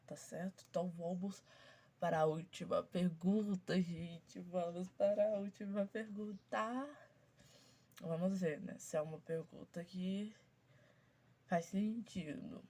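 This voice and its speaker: Stuffy-voiced young woman, low and mellow. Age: 20s. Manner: reads each question slowly, then answers briefly and plainly. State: stuffy, congested voice. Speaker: YouTuber. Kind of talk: casual chat to viewers, reading out a question game.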